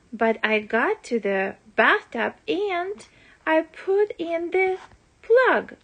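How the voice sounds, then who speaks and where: A woman with a high voice reads from a rhyming picture book like a parent at bedtime, telling the story in an expressive, deliberate style.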